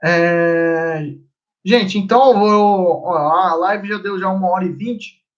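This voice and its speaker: High-voiced Brazilian man, rambling live chat. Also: takes it slowly, dull audio. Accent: Brazilian Portuguese. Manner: rambling, informal, swears casually. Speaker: live-stream host. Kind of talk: casual live-stream talk.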